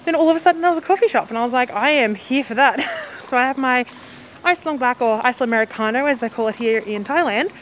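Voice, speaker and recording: This travel vlogger, a young woman, talks to her handheld camera at arm's length while walking a loud city street. Her high voice is fast and expressive as she rambles and laughs a lot. The rough recording picks up traffic and street noise behind her.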